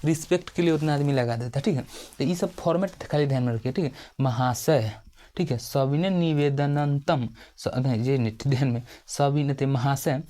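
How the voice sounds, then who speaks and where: A weary man with a Bihari accent talks students through a lesson, slow and hushed. His voice is dark and mellow, and he keeps pausing to check they are following. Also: medium pitch. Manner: speaks slowly and softly, keeps repeating "okay". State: tired late at night. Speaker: teacher. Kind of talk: tutorial lesson dictating a letter format.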